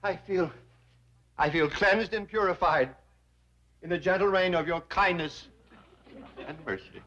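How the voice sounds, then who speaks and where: A fawning, pompous old banker. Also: male voice, sits high, measured pace, bright, forceful tone, lo-fi sound. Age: older. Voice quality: flowery, wheedling. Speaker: bank president. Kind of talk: 1960s sitcom acting.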